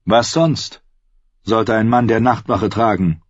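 A man voicing a calm, steady young man of the night watch who speaks plainly. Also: on the low side, slow, dry recording, voice pushed up. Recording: slightly dull, dry recording.

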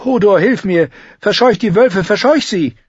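A man voicing a frightened young boy who shouts and calls out in panic, on a slightly dull recording. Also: high-pitched, measured pace, husky, no echo, voice pushed up. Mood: panicked.

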